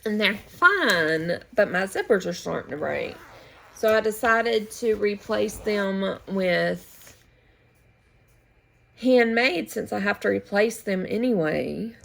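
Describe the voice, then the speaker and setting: A woman from the United States talks casually through her projects at home, in slow, unhurried speech. Her voice has a gravelly fry, and she meanders with pauses and restarts as she goes. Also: mid-range voice, animated, a bit bright. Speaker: flosstube host. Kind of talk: casual show-and-tell chat.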